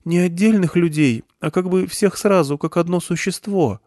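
A scared teenage girl speaks in a thin, high, plaintive voice, as a male reader puts her on. She sounds small and unsure. The recording is close and dry. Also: normal speed, darkish tone, no room sound, close to an everyday voice. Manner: thin, plaintive, hysterical when upset. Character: frightened teenage girl with strange powers.

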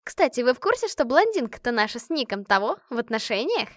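A woman voicing a brash, hot-tempered young woman who talks loudly and indignantly with rough slang. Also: a little high, very animated, quick pace, no echo, studio quality. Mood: gossipy.

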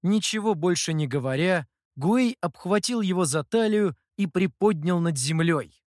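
Male narrator, audiobook narration, lively intonation, dry close sound. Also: high voice, normal speed, no echo. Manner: expressive.

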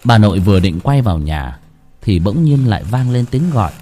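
A man narrating a village ghost story in a hushed, suspenseful storytelling manner. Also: on the low side, big pitch swings, brisk, faint music behind.

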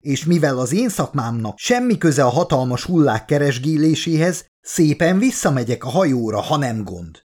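A man's voice: expressive, few pauses, close to an everyday voice. A man voicing an angry, jittery male geologist, ranting in a raised, strained voice. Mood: angry, agitated. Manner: agitated ranting, higher strained voice. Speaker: audiobook narrator voicing a character.

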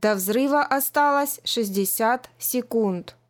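A woman voicing a calm, slow computer countdown voice. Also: a little high. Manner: calm, measured and unhurried, like a ship computer. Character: calm automated female countdown announcement voice.

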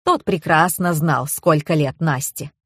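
A woman narrating an audiobook with a brisk, ironic storytelling manner. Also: sits low, a bit bright, no echo, studio quality. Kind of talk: scripted narration.

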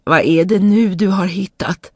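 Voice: mid-range voice, steady tone, darkish tone, no room sound, clean studio sound, pitched above the performer's own voice, close to an everyday voice. A storyteller voicing scornful older brothers who sneer mockingly.

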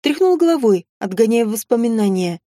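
Woman, audiobook narrator, first-person story, calm and even, mellow tone, dry close recording. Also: on the high side, fairly quick, dry recording.

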